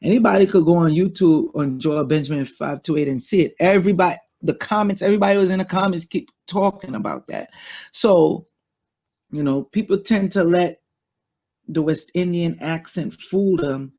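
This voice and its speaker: A man's voice: a little high, expressive, normal speed, mellow, muffled recording. A man with a Trinidadian accent, a guest talking bluntly and casually, swearing freely. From United States. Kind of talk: casual interview talk.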